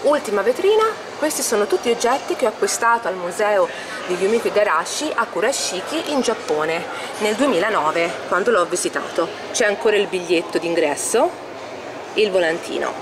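Woman giving a casual tour of her collector's stand, with loud hall noise. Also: medium pitch, animated, normal speed. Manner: walking the camera through display cases, listing items with small hesitations. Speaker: collector showing her exhibit. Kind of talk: casual guided tour narration. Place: indoor convention hall stand. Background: loud convention crowd ambience.

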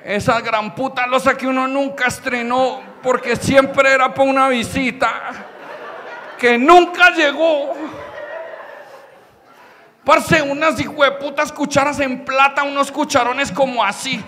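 A young Colombian man doing stand-up comedy storytelling, animated, with loud outbursts and crude slang. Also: very high voice, normal speed, few pauses, big-room sound.

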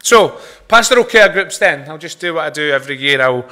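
A man in his thirties with a Glaswegian accent speaks in a very bright, forceful voice, pitched a little high. He sounds like a chapel leader talking to his congregation from a lectern. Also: animated, a little fast. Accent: Glaswegian Scottish. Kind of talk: informal spoken announcements from a lectern. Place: brick-walled chapel with a seated congregation. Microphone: lectern microphone.

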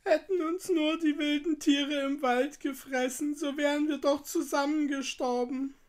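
A frightened little girl from a storybook, performed by a woman reader. Her voice sits well above the reader's own, soft and tearful. She pleads slowly and gently. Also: sits high, voice pushed up. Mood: pleading. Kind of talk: storybook reading.

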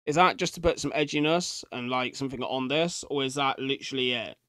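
At medium pitch and a slightly fast pace, a reaction video host in his thirties offers casual commentary from a desk indoors, musing aloud to his viewers. His voice sounds pushed and bright, and the studio sound is clean with no room sound.

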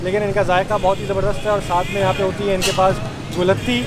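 A man's voice: sits high, little pitch movement, quick pace. A man, chatting enthusiastically to camera as a food vlog host, recorded on a phone at arm's length. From Pakistan. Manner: upbeat, enthusiastic, chatty, addressing the viewer. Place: outdoors at a bakery courtyard, in a car and at a street stall. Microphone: phone held at arm's length.

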